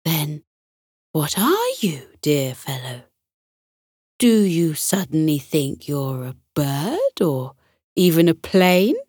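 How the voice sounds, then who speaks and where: A woman's voice: deep voice, very animated, takes it slowly, a little mellow, breathy edge, no echo, clean studio sound, exaggerated voice. A woman voicing a grand, regal female butterfly leader in a storybook, with a formal, stately way of talking.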